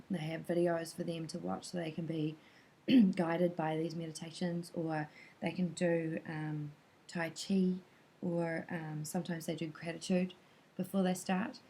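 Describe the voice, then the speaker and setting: A woman talks through what she saw in a loose, chatty way, stopping often on little filler sounds. Her voice sits low with a gravelly, creaky edge. A faint hiss runs underneath. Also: a little mellow, low-quality recording. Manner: chatty, hesitant, many "um" fillers. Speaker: vlogger recapping a conference talk. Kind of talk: casual spoken recap.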